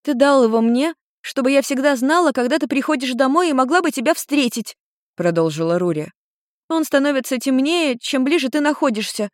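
A woman's voice: high voice, animated, dry recording, studio quality. A woman voicing a feisty seventeen-year-old girl. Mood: earnest. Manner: indignant, rapid-fire questioning. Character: feisty teenage girl searching for her father. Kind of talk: audiobook character voice.

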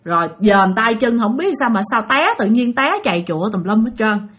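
A woman storyteller, recounting ghost stories sent in by listeners in an easy, chatty manner. Her voice sits a little high and sounds bright, with a breathy, husky edge. She keeps turning to speak straight to her audience. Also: expressive, normal speed. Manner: chatty, addresses listeners often. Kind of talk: casual spoken storytelling.

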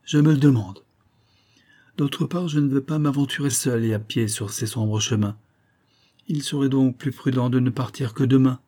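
A man reading a story aloud in the first person, measured and reflective. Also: mid-range voice, mellow. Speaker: narrator.

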